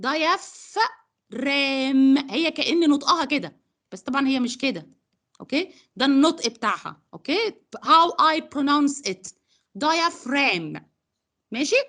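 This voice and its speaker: A woman's voice: sits high, animated, brisk, fairly bright tone. A woman with an Egyptian Arabic accent teaching science over a video call, patient and coaxing, mixing Arabic and English. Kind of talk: online tutoring lesson.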